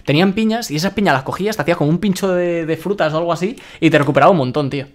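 A young man from Spain chatting excitedly while streaming a game and reading his chat aloud. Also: fairly high pitch, rapid-fire. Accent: Spain Spanish. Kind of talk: live-streamed gameplay commentary.

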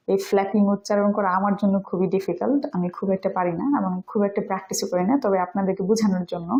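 A woman whose first language is Bengali, teaching English pronunciation in a video lesson and saying example words slowly. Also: medium pitch, warm tone, low-quality recording. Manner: explains step by step, demonstrates English words slowly.

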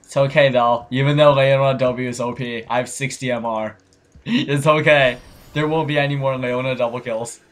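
A man's voice: mid-range voice, steady tone, brisk. A young man chatting casually while playing a game, laughing often and swearing now and then. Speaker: gamer playing and commentating. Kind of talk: casual gaming chat.

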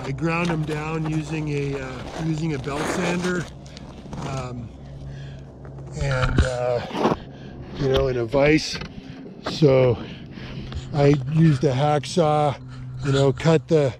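Slow, halting middle-aged man outdoors. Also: on the high side, noisy background. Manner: relaxed, halting, many fillers and restarts. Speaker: DIY vlogger. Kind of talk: casual show-and-tell vlog. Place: outdoors on a frozen lake in the mountains. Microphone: action camera held close or mounted nearby.

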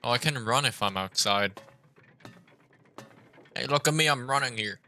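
A young adult male streamer comments on his gameplay live from a small room, with game music in the background. His mid-range voice is pushed and bright at normal speed, and he rambles in a confused way, stumbling over repeated words.

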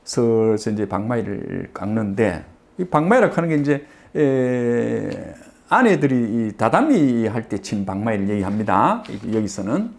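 A middle-aged man with a Gyeongsang dialect accent, giving a storytelling lecture in an animated, folksy way with many fillers. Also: medium pitch, moderate pace, vocal fry.

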